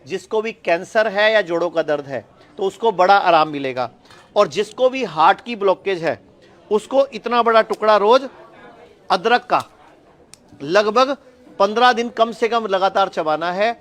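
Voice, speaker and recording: A man with a notably high-pitched voice explains diet advice in a steady, teaching manner. He often rephrases his points to make them clear as he speaks to the camera. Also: measured pace. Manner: explanatory, repeats points with "yani ki". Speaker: health speaker. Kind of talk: health talk to camera. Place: outdoors on a hospital campus.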